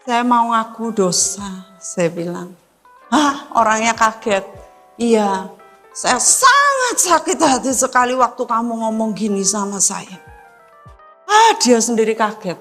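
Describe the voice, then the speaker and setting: A woman pastor preaching a sermon, telling a personal story with Javanese phrases, emphatic and swinging between loud stresses and hushed asides. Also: on the high side, lively intonation, slow, faint music behind.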